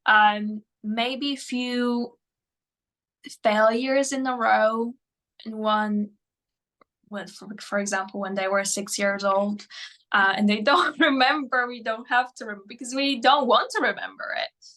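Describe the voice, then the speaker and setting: A woman whose first language is Polish, working as a mental performance coach, answers interview questions in English. She is hesitant, often pausing with fillers and restarting sentences, and her voice is a little high, pushed and bright.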